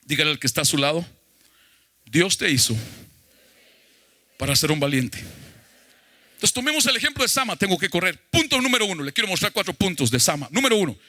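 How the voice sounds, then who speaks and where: Forceful, higher-pitched male pastor preaching. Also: no echo, studio quality. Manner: emphatic preaching with questions to the congregation. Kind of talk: sermon.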